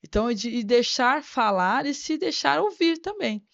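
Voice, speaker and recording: A woman's voice: high voice, expressive, moderate pace, vocal fry, fairly bright tone, no echo. A woman guest on a podcast interview, an educator speaking in an earnest, reflective way and repeating words as she thinks. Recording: dry, slightly dull sound.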